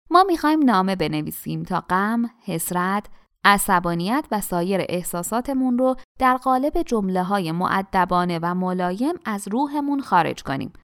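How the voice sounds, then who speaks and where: Calm woman reading a self-help audiobook, smooth voice, lots of pitch movement. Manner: calm, measured, advising. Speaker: audiobook narrator.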